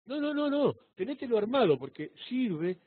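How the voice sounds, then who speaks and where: A man's voice: extremely high pitch, sing-song, moderate pace, slightly rough. A man teaching electronics in a live online class, explaining informally and directly with a Rioplatense Spanish accent. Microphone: video call. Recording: tinny video call audio.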